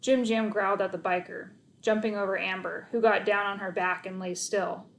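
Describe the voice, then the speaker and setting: A woman reads a children's story aloud with an expressive read-aloud style, her voice at medium pitch and her pace normal.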